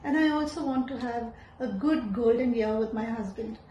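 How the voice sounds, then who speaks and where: A woman speaks in a fairly high, heartfelt voice. The room echoes around her, and faint ambience sits underneath. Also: normal speed, dark tone, lo-fi sound, a little hiss or hum. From India. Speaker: educator. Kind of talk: personal testimonial.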